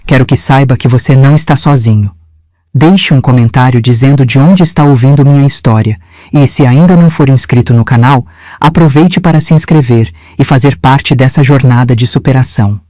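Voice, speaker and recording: A woman in her seventies from Minas Gerais, narrating her own life story in a gentle, measured, confiding way. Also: rumbling low, no echo. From Minas Gerais, Brazil. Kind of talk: scripted first-person storytelling.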